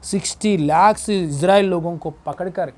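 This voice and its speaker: A pastor preaching a Good Friday sermon, questioning the congregation and repeating phrases for emphasis. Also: male voice, high-pitched, moderate pace, a little mellow. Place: church service.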